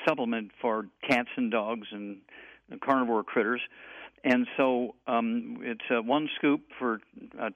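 A man of eighty, a guest health expert on a call-in radio talk show, rambling and halting with many fillers over a tinny phone line. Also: medium pitch, no echo. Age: 80s.

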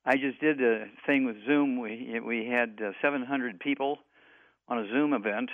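On a call-in radio talk show, a man of eighty serves as the guest health expert, his medium-pitched voice coming over a tinny phone line with no room sound. He speaks in a rambling, halting way, full of fillers.

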